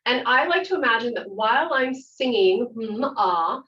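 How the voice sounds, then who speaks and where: A woman theater instructor leading an interactive workshop, calm and guiding, slowing down for visualization. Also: high voice. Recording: muffled audio from far off.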